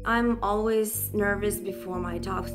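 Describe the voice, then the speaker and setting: A woman's voice: mid-range voice, fairly even intonation, measured pace. Earnest woman photographer from Ukraine. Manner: earnest, open about her nerves. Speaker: conceptual photographer. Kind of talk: casual documentary interview. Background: music.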